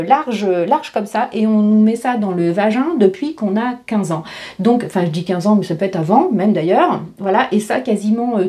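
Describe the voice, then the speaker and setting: A woman's voice: medium pitch, mellow. A woman in her fifties explaining in a casual vlog, chatty, with many fillers and restarts. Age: 50s. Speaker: vlogger.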